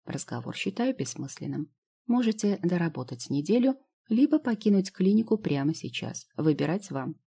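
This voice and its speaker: Lady reading a stern calm old professor, low dark husky voice. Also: normal speed, heavily acted. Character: stern older male professor, calm authority.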